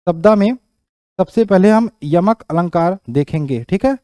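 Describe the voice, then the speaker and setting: A man teaching an exam-prep grammar lesson, repeating key phrases and checking with the class whether it is clear. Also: expressive, unhurried, no room sound. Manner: rises in pitch and loudness when explaining examples.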